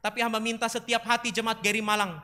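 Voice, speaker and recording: Bright-voiced man preaching a sermon. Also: sits high, fast talker. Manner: lively storytelling, acts out characters' lines loudly. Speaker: pastor.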